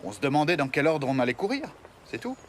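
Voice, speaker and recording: An easygoing joking schoolboy. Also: male voice, fairly high pitch, sing-song, fast talker, a little hiss or hum. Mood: casual. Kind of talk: French anime dub.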